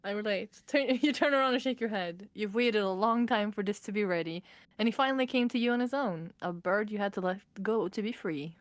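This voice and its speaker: A woman's voice: medium pitch, a little fast, no room sound. Giggly young woman reading a game aloud. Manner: giggly, animated. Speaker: streamer. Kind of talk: casual let's play, reading game text aloud.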